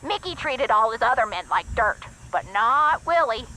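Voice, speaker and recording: A woman's voice: a little high, moderate pace, slight background noise, rough recording. An actress voicing a spunky, chatty old woman in a video game. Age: older. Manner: lively, reminiscing, a little fussy. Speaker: game character.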